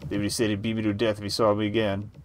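A man's voice: on the low side, monotone, rapid-fire, slight background noise, natural voice. A man voicing a grizzled, wheedling town drunk in a Western game, with folksy, rambling talk. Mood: rueful, chuckling.

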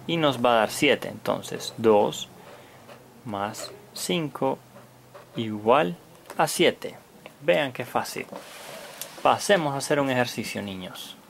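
A man's voice: medium pitch, animated, takes it slowly, creaky, long pauses, a bit bright. A man giving a step-by-step children's math lesson like a kids show host, in simple short phrases, as a teacher. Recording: noticeable background noise.

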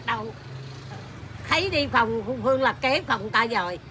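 A woman who performs in a lô tô troupe. She tells a comic anecdote in a crude, blunt and animated way and laughs often. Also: fairly high pitch, brisk, a little hiss or hum.

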